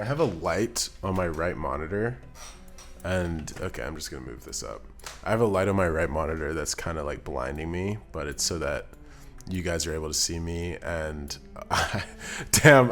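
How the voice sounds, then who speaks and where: Editing at his computer in a home streaming room, a young Scottish man with a low voice chats casually with his live-stream audience. He's relaxed, mutters to himself as he works, reads the chat aloud, and speaks into a desk microphone.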